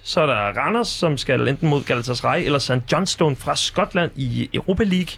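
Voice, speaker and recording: En mand, der som vært gennemgår kampprogrammet i en afslappet snak med mange fyldord. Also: male voice, a little high, lively intonation, vocal fry, fairly bright tone, breathy edge. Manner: listing results, many fillers. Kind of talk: casual chat.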